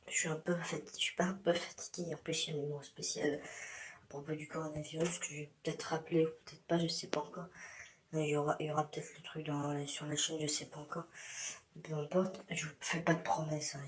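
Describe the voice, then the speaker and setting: In his bathroom, a man chats loosely to his community for a casual YouTube vlog, stumbling through many hesitations while a filter alters his voice to disguise it. The voice is a little high, there's a bit of hiss or hum, and the audio quality is poor.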